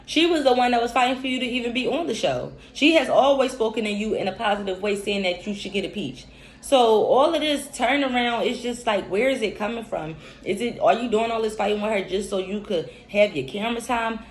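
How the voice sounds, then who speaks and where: A woman's voice: on the high side, lively intonation, brisk. A woman, giving an unscripted, profane, emphatic reality-TV recap rant. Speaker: recap commentator. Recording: echoey room with faint hiss.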